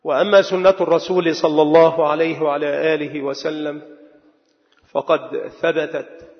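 A man delivering a sermon in a measured, dictating manner, slowly repeating words as if for note-taking. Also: fairly high pitch, little pitch movement. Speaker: preacher. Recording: dull echoing hall sound.

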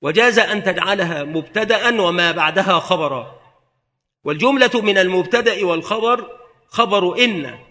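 A man with a high voice and a bright, forceful tone teaches a religious text in a lesson. He works through each point one step at a time and lists word forms carefully. His voice rings out in a hall with a long reverb. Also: lively intonation, moderate pace. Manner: methodical, spells out word variants one by one. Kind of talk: classroom lesson explaining a text.

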